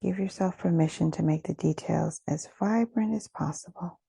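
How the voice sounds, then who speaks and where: A woman leads a soothing guided meditation in a lowish, soft, breathy voice, taking her time and pausing between phrases. No room sound is present.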